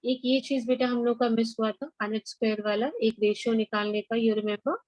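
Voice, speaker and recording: Very fast-talking Indian woman teaching. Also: on the high side, little pitch movement, darkish tone. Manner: questioning, prompting students for answers. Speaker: biology teacher. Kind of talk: interactive lecture mixing English and Hindi. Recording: dull, band-limited lo-fi audio.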